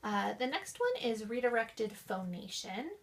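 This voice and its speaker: Young woman, slow, gravelly voice, instructional tone, a bit off-mic. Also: on the high side, very animated, far from the mic. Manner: demonstrates exercises with coughs, sighs and slow linked speech. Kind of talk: explaining voice exercises.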